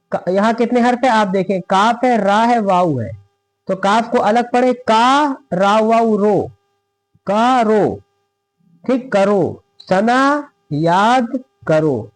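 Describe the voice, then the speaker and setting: Male reading teacher, higher voice, unhurried, patient, repeats each syllable. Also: no room sound. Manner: spells out letters syllable by syllable, repeats often; patient, keeps checking with "thik hai". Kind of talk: slow step-by-step reading lesson.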